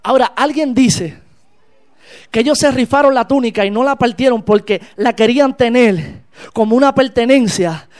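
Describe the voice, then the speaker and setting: Male preacher, strikingly high pitch, passionate delivery that rises to shouts. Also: moderate pace. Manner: impassioned, builds to shouted exclamations. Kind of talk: sermon. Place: church.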